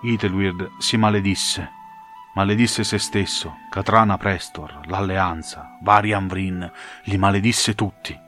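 A man narrating a fantasy audiobook in a measured, dramatic storytelling manner. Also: low-pitched, steady tone, fairly bright tone, faint music behind.

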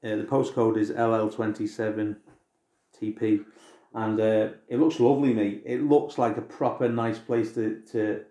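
A man's voice: lowish voice, little pitch movement, normal speed, mellow, reverberant. An English man co-hosting a podcast in casual, informal chat, swearing now and then. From England. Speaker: podcast co-host.

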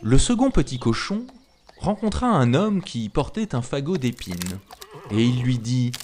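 Slow, expressive male storyteller. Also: mid-range voice, a little hiss or hum. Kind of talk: reading a fairy tale aloud.

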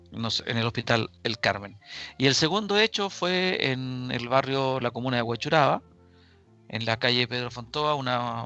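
A man with a Chilean accent hosting a live current-affairs radio show, speaking deliberately with pauses and repeated phrases. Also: mid-range voice, pushed and bright, muffled recording. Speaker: radio talk show host.

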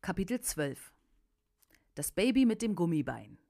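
A woman narrating a first-person preacher's memoir, fervent, often bursting into loud emphatic exclamations. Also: on the low side, sing-song, unhurried, gravelly.

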